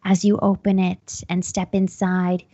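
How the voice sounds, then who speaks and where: A woman's voice: fairly low pitch, monotone, a little slow, dark tone, no room sound, lo-fi sound. A woman running a tabletop horror game as game master, describing scenes with frequent ums and restarts.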